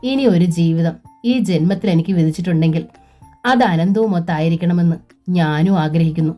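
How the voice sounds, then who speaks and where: Low mellow woman narrating a novel. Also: moderate pace, soft background music. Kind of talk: audiobook narration.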